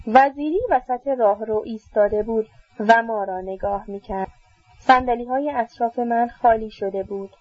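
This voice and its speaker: A woman narrating a novel in a steady storytelling manner. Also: fairly high pitch, slightly rough. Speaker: audiobook narrator. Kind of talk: novel read aloud. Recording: slightly dull dry recording.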